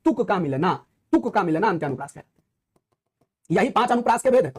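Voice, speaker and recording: A woman's voice: mid-range voice, animated, fast talker, slightly rough. A woman teaching a grammar lesson, explaining with everyday examples, asking rhetorical questions and repeating key points with emphasis. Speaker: Hindi literature teacher. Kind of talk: classroom-style grammar lesson.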